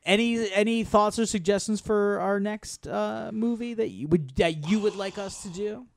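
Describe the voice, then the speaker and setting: A man's voice: high-pitched, gravelly, no echo, clean studio sound. A man co-hosting a podcast, chatting casually and often restarting his phrases. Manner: halting, restarts phrases, wraps up the show. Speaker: podcast co-host. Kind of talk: casual chat.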